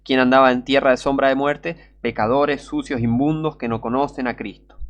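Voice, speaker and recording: A man with a Rioplatense Spanish accent preaching a sermon, urgent and pleading, sometimes breaking into shouts. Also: medium pitch, steady tone, normal speed.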